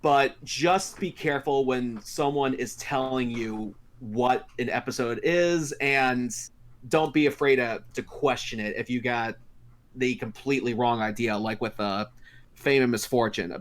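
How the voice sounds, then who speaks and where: Man hosting, halting and filler-heavy. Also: mid-range voice. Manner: hesitant, many fillers and restarts. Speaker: podcast host. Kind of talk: casual panel discussion.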